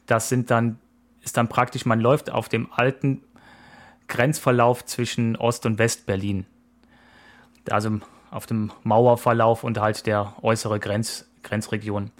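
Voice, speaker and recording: A man's voice: mid-range voice, flat delivery, unhurried. A man in his forties co-hosting a podcast, chatting casually in an easygoing, rambling way with frequent hesitations. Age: 40s. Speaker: podcast co-host. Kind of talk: casual chat.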